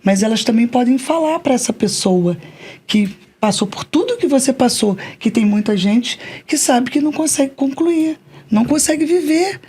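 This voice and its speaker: A woman's voice: high-pitched, lively intonation, moderate pace, a little mellow, breathy edge. A woman hosting a podcast interview, asking her guest probing questions. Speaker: podcast host.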